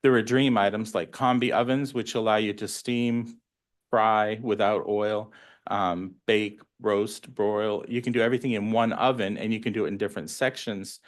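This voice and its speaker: Man, school nutrition director, lowish voice, plain and explanatory, answers a board's questions, lots of ums. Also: steady tone, normal speed. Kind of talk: explaining at a public board meeting.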